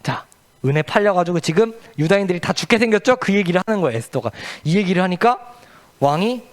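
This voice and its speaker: Lively man telling a kids' bible story. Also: sits high, fast talker. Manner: asks the children questions, lively and playful. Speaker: children's church teacher. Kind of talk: animated children's Bible storytelling. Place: church children's service.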